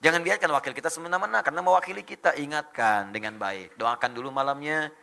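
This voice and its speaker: A middle-aged man preaching a lively sermon, animated and joking, firing off rhetorical questions to the crowd. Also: a little high, fast, vocal fry. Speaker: Islamic preacher.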